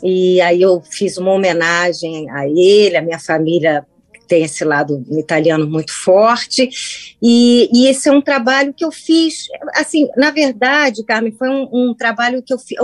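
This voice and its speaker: A woman's voice: mid-range voice, no room sound. Chatty woman musician, dry sound. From Brazil. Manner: warm, rambling, with many restarts. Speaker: musician guest. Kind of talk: radio interview.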